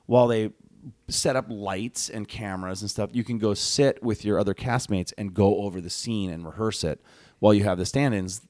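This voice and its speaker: A man's voice: fairly low pitch, moderate pace, no room sound. A man guesting on a podcast, telling a story in casual chat and acting out the voices of the people in it. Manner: animated storyteller, acts out quoted voices loudly.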